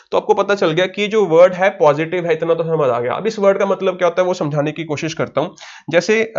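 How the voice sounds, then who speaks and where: A man's voice: high-pitched, lo-fi sound. A man with an Indian accent teaching vocabulary in an online exam-prep lesson. He asks his own questions and then answers them. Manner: spells words slowly letter by letter.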